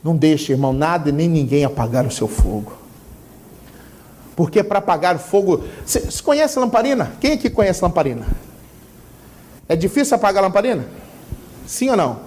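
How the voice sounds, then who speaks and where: A Brazilian woman preaching a sermon who keeps asking the congregation questions and pausing for their answers. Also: on the low side, big pitch swings, darkish tone, slight background noise. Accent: Brazilian Portuguese. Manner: asks the congregation rhetorical questions and leaves gaps for them to answer; fervent and emphatic.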